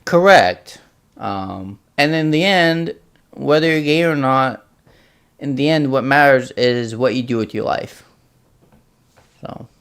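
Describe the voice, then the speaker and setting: A man's voice: mid-range voice, slow pace, long pauses, fairly bright tone, clean tone. Joking man streamer reading chat. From born in Ukraine, raised in the United States. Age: 30s. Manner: rambling, jokey, trailing off with "so". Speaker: livestreamer reacting to a video. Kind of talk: casual livestream chat, reading out viewer comments.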